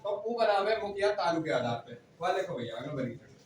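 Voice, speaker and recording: High-voiced teacher in an echoey classroom. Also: male voice, lively intonation, a little fast. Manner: drills students with repeated questions and answers. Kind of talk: classroom lecture. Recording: echoey room, distant mic, faint noise.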